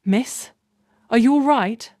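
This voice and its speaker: A woman's voice: a little high, slow, a little mellow, dry recording, clean studio sound. Woman voicing a kind, concerned elderly man. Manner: concerned, firm.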